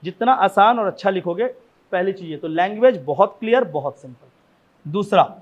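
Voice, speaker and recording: High-voiced man teaching essay writing. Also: a little fast, highs cut off. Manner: conversational, frequent "ठीक है ना" check-ins; repeats key points, asks rhetorical questions. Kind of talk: classroom lecture.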